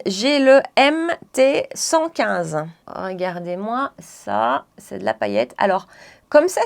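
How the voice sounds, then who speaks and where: French-accented woman vlogger, slightly high voice, gushing casual haul talk. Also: gravelly. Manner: enthusiastic, chatty, many fillers. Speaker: beauty vlogger. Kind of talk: casual makeup haul chat.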